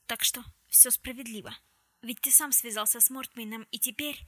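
A woman's voice: on the high side, fairly even intonation, normal speed, bright, forceful tone, no echo. A woman voicing a defiant young woman who is held captive and hisses back. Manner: defiant, hissing.

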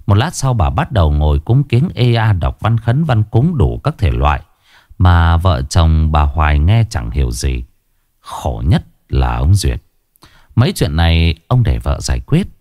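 A man narrating a ghost story in a lively, expressive way. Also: low voice, unhurried, dry recording, studio quality. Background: faint background music.

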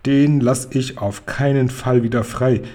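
A man reading aloud, voicing a big, kindly old male giant who gets excited and mixes up his words. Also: mid-range voice, moderate pace, slightly rough. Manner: excited, garbled word choices.

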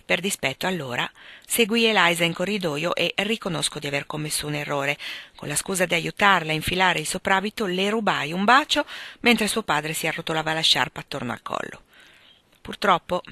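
Woman narrating a novel, measured expressive reading, bright forceful tone, lowish pitch. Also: no echo. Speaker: audiobook reader. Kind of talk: literary audiobook narration.

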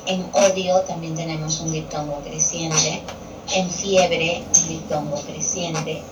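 A Spanish language teacher with a deep, steady voice explains grammar slowly and patiently, repeating key terms for her students. She is far from the mic in an echoey room, with television noise in the background.

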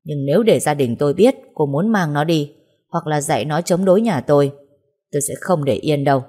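A woman's voice: low-pitched, fairly quick, warm tone, slightly rough. A woman voicing a wealthy, stern elderly grandfather who lays down orders curtly. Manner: curt, dictating orders.

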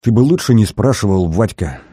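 A man's voice: on the low side, lively intonation, brisk, mellow, breathy edge, dry recording, clean studio sound. A man doing a whining injured soldier. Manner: plaintive, groaning.

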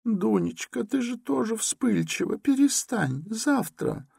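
A man reading an audiobook who voices an anxious, tearful elderly mother in a high, quavering, pleading voice. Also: animated, slow pace, vocal fry, a little mellow, husky, no echo, clean studio sound, full character voice.

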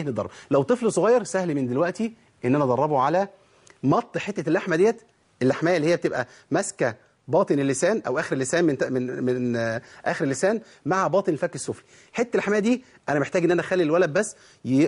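A man's voice: on the high side, slightly rough. A man with an Egyptian accent teaching Quran recitation rules, who poses questions to himself and then answers them. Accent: Egyptian Arabic. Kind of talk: spoken tajweed lesson.

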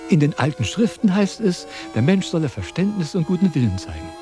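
An actor playing a vain, pompous philosopher in a 1970s radio drama, lecturing and easily indignant. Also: male voice, a little high, sing-song, brisk, music in the background. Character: vain, pompous old male Chinese philosopher.

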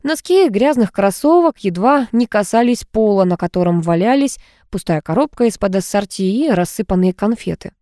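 A woman narrating a first-person audiobook in a lively, expressive reading style. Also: medium pitch, moderate pace, hardly any pauses, dry recording, studio quality.

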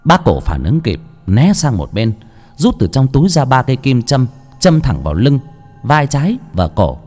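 A male storyteller reading a ghost story with a lively, dramatic delivery. His pitch rises and falls a lot, at a mid register. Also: moderate pace, in a large hall, soft background music. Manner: dramatic, animated.

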